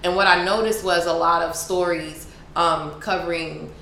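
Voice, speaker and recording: A woman from Miami with a Miami accent, talking fast and informally as a journalist being interviewed. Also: lowish voice. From Miami, United States. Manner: fast, animated, informal speech. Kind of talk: casual interview chat. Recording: roomy echo with faint background noise.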